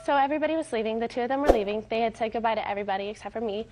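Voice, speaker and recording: A woman's voice: a little high, steady tone, rapid-fire, over music. A young adult woman testifying as a defendant in court, nervous and rambling with many ums and restarts. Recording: noisy TV courtroom audio.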